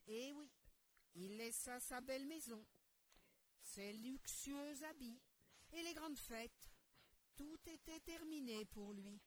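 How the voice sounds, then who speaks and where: A woman narrating a children's Bible story expressively, pausing to ask the listener questions. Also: fairly high pitch, slight background noise.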